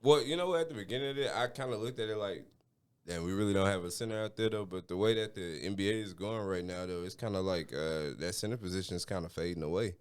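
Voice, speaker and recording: Male podcast co-host, low voice, animated and argumentative, casual sports banter. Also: quick pace, clear, resonant tone. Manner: animated, argumentative, lots of "like" and "though".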